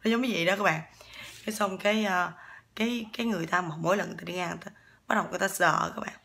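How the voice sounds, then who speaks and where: A woman's voice: fairly low pitch, fairly even intonation, rapid-fire, gravelly, sharp tone. A woman with a Southern Vietnamese accent telling a ghost story in a casual, chatty way and often talking straight to her listeners. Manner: chatty, keeps addressing the listeners.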